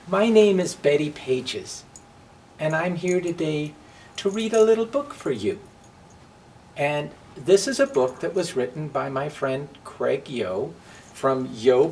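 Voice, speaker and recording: Speaking slowly in a gravelly, fairly high voice, the man (a presenter and drag performer) offers informal personal remarks as a story hour introduction. The sound is clean apart from a steady background hum.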